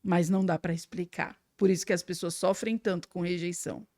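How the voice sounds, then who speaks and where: A woman with a Brazilian Portuguese accent, a guest sharing an emotional personal testimony with vivid storytelling, swinging between hushed and loud. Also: fairly low pitch, steady tone, brisk, dry recording, clean studio sound.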